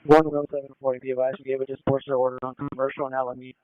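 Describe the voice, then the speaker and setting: A man's voice: medium pitch, monotone, rapid-fire, clean tone, dry recording. A man calling in on police radio traffic, in clipped radio codes, his transmission breaking up. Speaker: police officer in the field. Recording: tinny phone-like radio.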